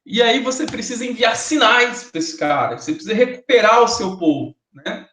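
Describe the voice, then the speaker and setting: A man's voice: very high-pitched, expressive, moderate pace, bright, forceful tone. A man with a Brazilian Portuguese accent giving a university classroom lecture, chatty and joking with students. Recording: echoey classroom recording.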